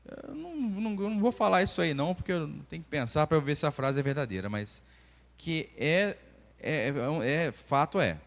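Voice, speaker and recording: A Brazilian man in his forties, a doctor, gives a church lesson in a church hall whose long reverb trails his words. His voice is a little high and his speed normal, with a Brazilian Portuguese accent. He tells personal stories vividly and performs the dialogue himself.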